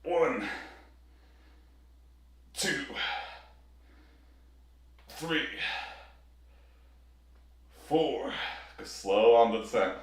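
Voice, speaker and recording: A man's voice: medium pitch, animated, extremely slow, long pauses. A man in a big echoey room, talking casually through a workout and coaching himself as he counts his reps on a clip-on mic. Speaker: fitness streamer. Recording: echoey room, heard from a distance.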